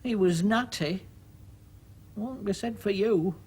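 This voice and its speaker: An actor putting on the voice of a sharp-tongued 72-year-old mother, within a monologue drama. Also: high-pitched, slow, breathy edge, voice pushed up, exaggerated voice. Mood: hurt, scornful. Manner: scolding and accusing, then clingy.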